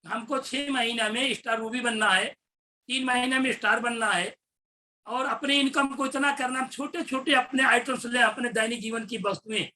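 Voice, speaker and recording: A man's voice: very high voice, steady tone, moderate pace, pushed and bright, slight background noise. A man who is a teacher gives a motivational business talk in an eastern Uttar Pradesh Hindi accent, explaining earnestly and repeating phrases for emphasis. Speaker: teacher and network marketer.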